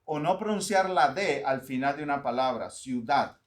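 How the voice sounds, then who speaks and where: Man, pastor, teaching talk, animated, joking, slightly high-pitched. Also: normal speed. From Honduras. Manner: lively, joking, mimics accents and pronunciations. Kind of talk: teaching talk to church readers.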